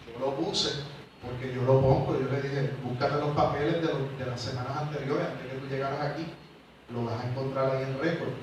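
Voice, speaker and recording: Speaking briskly in a mid-range voice, a male pastor tells his testimony in a sermon, performing the dialogue with animated storytelling that shifts between loud and quiet. The echoey hall of the large church sanctuary, the far-off mic, and background noise all come through.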